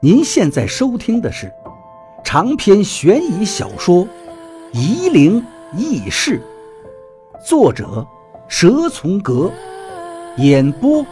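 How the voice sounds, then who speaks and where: A man narrating a suspense audiobook in the first person, with dramatic, expressive storytelling. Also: high voice, slow pace, long pauses, soft background music.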